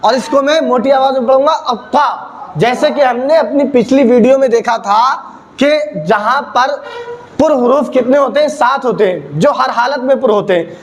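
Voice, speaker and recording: A man's voice: very high voice, moderate pace, a little hiss or hum. A man teaching a recitation lesson, drilling with repeated questions and answers and exaggerating heavy and thin sounds to show the difference. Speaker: religious teacher.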